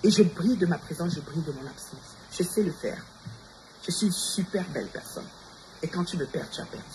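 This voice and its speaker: A woman's voice: on the low side, animated, fairly quick, mellow. A woman, ranting defiantly on a livestream and calling out her rivals directly. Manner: defiant, addresses rivals directly with repeated challenges. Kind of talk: confrontational livestream rant. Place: Montreal. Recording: noisy background ambience.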